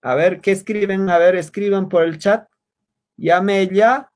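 A man teaching an online language class over a video call, patiently repeating words slowly for his students. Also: sits high, steady tone.

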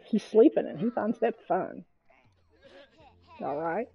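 A woman's voice: mid-range voice, animated, slow, muffled recording. A woman streaming a game, chatting casually and coaxing her game characters, with mild swearing. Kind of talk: casual gameplay commentary.

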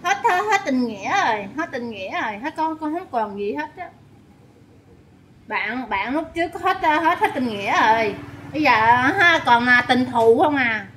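A woman's voice: high-pitched, lively intonation, moderate pace, fairly bright tone, slight background noise. A drunk woman quarreling in slurred, heated speech, repeating herself and cursing. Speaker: drinking companion in a filmed drinking session. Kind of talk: casual quarrel.

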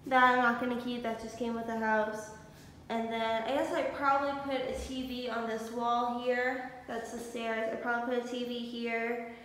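A woman's voice: fairly high pitch, little pitch movement, normal speed, a bit bright. Chatty young woman in echoey empty rooms. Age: 20s. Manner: chatty, upbeat, says "cute little" a lot. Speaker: vlogger. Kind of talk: casual house-tour vlog. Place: empty apartment with bare walls. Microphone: handheld phone camera. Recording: echoey empty rooms, faint room hiss.

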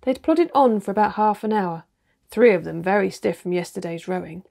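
A woman reading a children's storybook aloud, with steady, expressive narration. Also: medium pitch, normal speed, gravelly. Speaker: reader.

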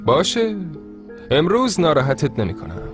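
Sarcastic young man, lively voice, loud music behind. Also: a little high. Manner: sarcastic, needling. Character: taunting young man, provoking a rival. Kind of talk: Persian dub of a TV series.

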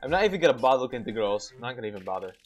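A man giving casual, excitable gaming commentary, laughing often and cursing mildly. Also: medium pitch, very fast, soft background music. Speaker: gameplay commentator.

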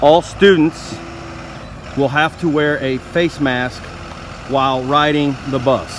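A man's voice: on the high side, fairly even intonation, slow, background noise. A young man narrating a school news video as a scripted voice-over, reading instructions plainly and steadily. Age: young adult.

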